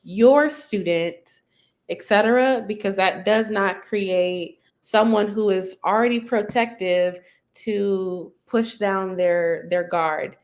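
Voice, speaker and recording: A woman's voice: mid-range voice, steady tone, slow pace. A woman teacher speaking earnestly on a virtual panel, reflecting on parent conversations and acting out what she would say. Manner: earnest, reflective, quotes herself in examples.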